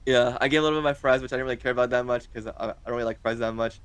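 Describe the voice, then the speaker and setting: A man in his twenties chats casually as an interview guest, hesitant and rambling with many fillers. His mid-range voice is steady, rapid-fire, a bit bright and smooth, with no room sound.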